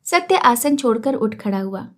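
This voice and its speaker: Brief: high-voiced woman storyteller, measured literary reading of a classic tale. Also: animated, fairly bright tone.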